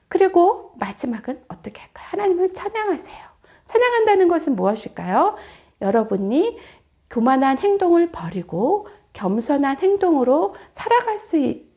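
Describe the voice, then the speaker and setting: A woman preacher telling a Bible story to children in an animated way, often putting questions to her young listeners. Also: sits high.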